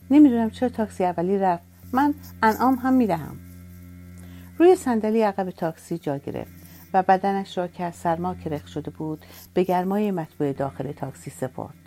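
A woman narrating a first-person story in a sorrowful, reflective way. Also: on the low side. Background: soft music.

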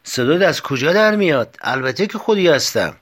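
A man's voice: on the high side, big pitch swings, a bit bright, slightly rough, voice pushed up, heavily acted. A man voicing a tired, irritable male tank driver who talks bluntly and sounds exasperated.

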